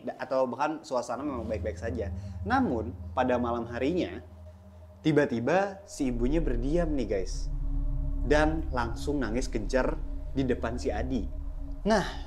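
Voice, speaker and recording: A man's voice: medium pitch, expressive, moderate pace, background noise. A man telling a horror story in a casual, chatty way, addressing his listeners directly.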